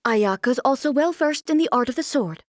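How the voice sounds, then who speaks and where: In scripted voice lines for a video game, a woman plays a stern divine ruler, speaking with a solemn, commanding air in a formal, composed, and measured manner. Her voice sits high with lively intonation and a darkish tone, recorded in studio quality with no echo.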